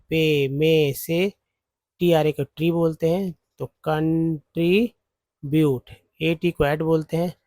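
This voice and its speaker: Man, English phonics teacher, fairly high voice, dry close sound. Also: darkish tone, dry recording. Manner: explains word parts slowly, often pausing with "है ना". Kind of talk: slide-based phonics lesson.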